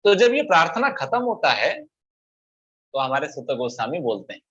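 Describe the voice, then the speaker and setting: A male preacher with a fairly high voice gives a scripture discourse. He explains each point and checks in with rhetorical questions. The recording is dull and lo-fi. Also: big pitch swings, normal speed, fairly bright tone, slightly rough.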